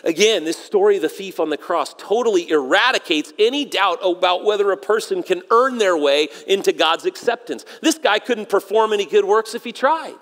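A man, a pastor, preaching a sermon with emphatic delivery that sinks low and quiet for solemn moments. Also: animated, normal speed, few pauses, long reverb tail. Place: church sanctuary.

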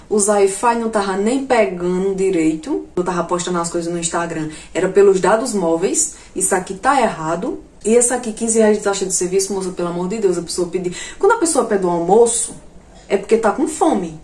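A woman doing a comic storytelling monologue, animated and jumping to shrill outbursts when she quotes herself. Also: brisk. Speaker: comedian. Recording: echoey room.

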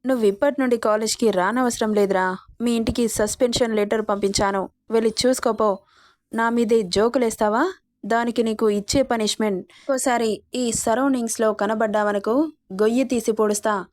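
A woman's voice: on the high side, fairly even intonation, normal speed, a little mellow, dry recording, close to an everyday voice. A woman voicing an arrogant young man who taunts and threatens, in her own reading voice. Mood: threatening. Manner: mocking, threatening, smug. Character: arrogant, taunting young male college bully.

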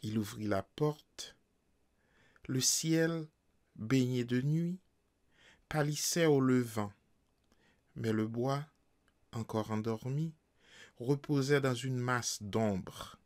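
A man reads literary prose aloud for an audiobook. His pace is unhurried and deliberate, at an ordinary middle pitch. The reading stays measured and careful throughout. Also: a little mellow. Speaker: audiobook reader.

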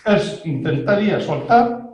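A man's voice: high-pitched, expressive, measured pace, a little mellow, slight background noise. A man, a self-defense instructor demonstrating techniques step by step and checking in constantly with his learner. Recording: very echoey room.

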